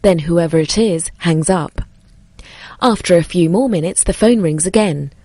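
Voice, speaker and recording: A woman narrating a scripted horror story in a measured, suspenseful way. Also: lowish voice, dark tone, no echo.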